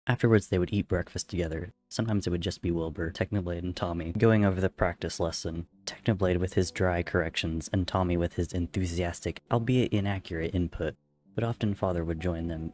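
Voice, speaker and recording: A man's voice: deep voice, darkish tone. A man narrating fiction aloud as a dramatic reading.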